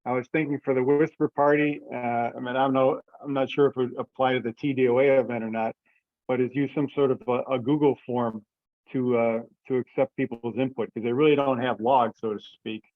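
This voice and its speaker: A man with a mid-range, steady voice talks a little fast as he runs through event rules in an online call, hesitantly working things out aloud in a casual style as the organizer. The recording is dry, with dull lo-fi teleconference quality.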